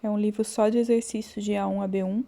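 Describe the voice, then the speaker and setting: Woman, language teacher, warm mellow tone, patient, repeats words slowly, casual lesson. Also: mid-range voice, little pitch movement, vocal fry. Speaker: German teacher. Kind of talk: relaxed online language lesson.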